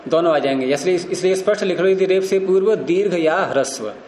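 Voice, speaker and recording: Male grammar teacher, fairly high voice, quizzing students, roomy echo. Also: fairly quick, darkish tone, a little hiss or hum. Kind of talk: classroom teaching.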